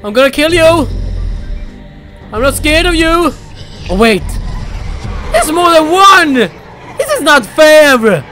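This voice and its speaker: A very high-pitched man reacting loudly to a video game, cursing and exclaiming as he plays, with slow, drawn-out delivery. Loud game music and effects play behind him. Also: a crowd in the background. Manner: excitable, exclamatory, frequent swearing. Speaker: let's play gamer. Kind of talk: live gameplay commentary.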